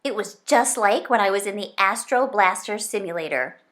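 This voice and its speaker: A woman reads a children's book aloud, telling the story expressively. Her voice is medium-pitched and her pace moderate, like a storybook reader's.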